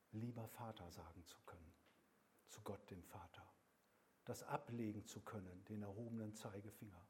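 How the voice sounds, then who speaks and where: An older man preaching a sermon, swinging between loud emphatic lines and soft whispered passages, with slow, deliberate repeated phrases. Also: lowish voice, slight background noise.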